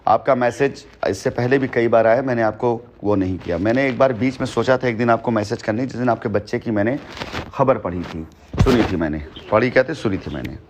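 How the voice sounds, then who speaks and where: On a recorded telephone call, a man explains things at length, emphatic and long-winded, repeating phrases to drive his points home. His mid-range voice moves fairly quickly, with a bit of hiss or hum on the line.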